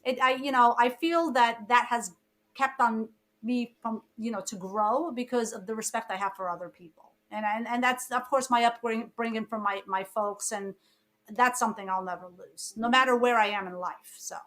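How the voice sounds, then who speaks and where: Born in Egypt and raised in Brooklyn, this woman is a lively podcast guest who tells stories about her life and acts out the lines of the people in them during a casual interview. Her voice sits on the high side, at a moderate pace.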